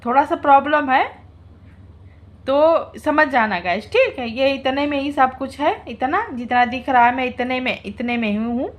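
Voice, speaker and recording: A woman vlogger talks to her viewers in a high, bright voice. She speaks slowly and mockingly, teasing the people she is reacting to. Her lines keep dissolving into laughter and exaggerated, mock-tragic cries. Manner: mock-dramatic wailing. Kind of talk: casual reaction vlog.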